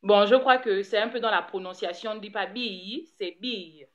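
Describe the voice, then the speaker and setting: A woman's voice: mid-range voice, quick pace, muffled recording. Patient woman teaching pronunciation. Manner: patient, corrects pronunciation and praises. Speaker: teacher, the learner's mother. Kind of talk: casual language lesson.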